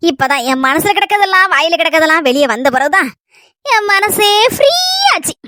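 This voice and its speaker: A woman's voice: extremely high pitch, expressive, a little fast, noisy background. A woman with a Kanyakumari Tamil accent performing a comic village skit. She chatters on, blurting things out with a playful stammer.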